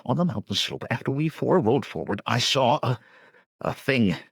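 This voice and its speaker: A man's voice: mid-range voice, lively intonation, vocal fry, slightly rough, dry recording, clean studio sound, voice pushed up. A man doing a jittery rat-like bandit. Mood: fearful. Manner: defensive, hurried. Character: nervous shifty male bandit tracker.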